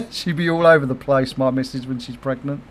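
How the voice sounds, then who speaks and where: A man's voice: medium pitch, steady tone, fairly quick, a little hiss or hum. A middle-aged man chatting casually on his game livestream, swearing freely, laughing often and reacting to chat comments. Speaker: game streamer.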